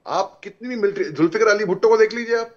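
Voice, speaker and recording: A male panelist giving steady, critical commentary in a TV news debate. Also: sits high, fast, lo-fi sound.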